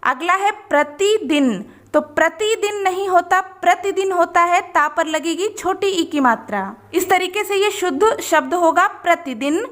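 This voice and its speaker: A woman teaching young children a worksheet, reading each sentence slowly and patiently. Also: extremely high pitch, a bit bright. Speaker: teacher and channel host.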